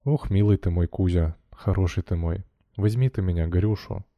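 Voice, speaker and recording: A man's voice: sits low, normal speed, no room sound, lo-fi sound. A man voicing a pleading, lovesick young village girl in an audiobook. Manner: pleading, whispering.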